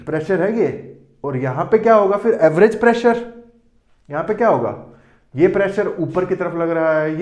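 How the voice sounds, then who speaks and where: A man's voice: fairly high pitch, darkish tone. A man teaching a board lesson who asks questions and answers them himself, often saying "theek hai". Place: classroom with board. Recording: echoey room.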